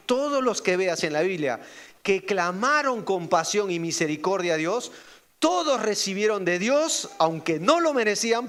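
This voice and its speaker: Animated male preacher with lively pitch. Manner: animated preaching, rhetorical questions to the congregation; acts out quoted voices with sharp pitch jumps. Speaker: pastor. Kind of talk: sermon.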